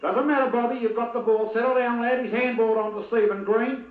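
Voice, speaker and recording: A man's voice: extremely high pitch, fairly even intonation, fairly quick. A man giving blunt, partisan commentary on an amateur football match, heckling players by name. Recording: tinny lo-fi old video with echo.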